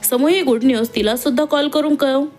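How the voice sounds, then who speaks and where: A good-humoured businessman father who jokes easily but stands firm, as a woman reading the story voices him. Her voice stays fairly high for the part, with soft music in the background. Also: a little fast, lightly acted. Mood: jovial. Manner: jovial, firm. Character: cheerful wealthy businessman father.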